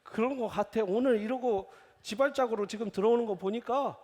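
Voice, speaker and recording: A man voicing an old patriarch who calmly scolds his younger friend in a folksy way. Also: high-pitched, fairly quick. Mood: scolding. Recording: echoey church hall.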